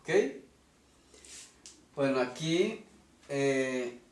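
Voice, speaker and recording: A Colombian-accented man methodically teaches an invented language at a whiteboard, frequently asking "ok?" along the way. His mid-range voice is expressive, and he draws out his words; the audio sounds roomy.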